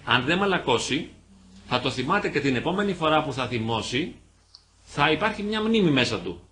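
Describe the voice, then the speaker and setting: A man's voice: on the high side, very animated, slight background noise. Earnest man giving a pastoral talk. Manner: earnest, gentle pastoral counselling with everyday examples. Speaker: invited speaker on marriage. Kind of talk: parish talk with audience questions. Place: church.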